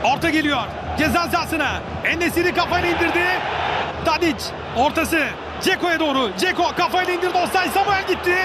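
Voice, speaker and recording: Male football commentator, screaming and excited, extremely high pitch, clipped player-by-player calls, heavy crowd noise behind. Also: brisk, loud music behind the voice. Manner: shouts and screams at goals and chances; short clipped phrases naming players.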